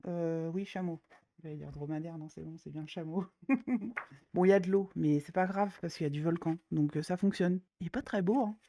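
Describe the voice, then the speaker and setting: A coloring YouTuber with a lowish, mellow voice talks fast and casually as she leafs through coloring books. She's chatty and slangy, full of fillers and self-mocking jokes, and sounds a little nasal from a cold.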